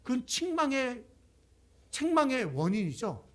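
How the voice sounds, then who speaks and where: A man's voice: extremely high pitch, big pitch swings, unhurried, a bit bright. A man preaching a sermon as pastor, speaking expressively and acting out quoted voices.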